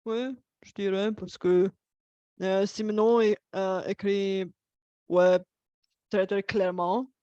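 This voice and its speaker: A woman from Bulgaria, speaking a language that is not her own, talks very slowly and keeps pausing on fillers as she hunts for words. Her voice sounds dry and close. The recording is dull and lo-fi. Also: medium pitch, level tone, dark tone, no echo. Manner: hesitant, many fillers while searching for words. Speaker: host. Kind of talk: casual multilingual conversation.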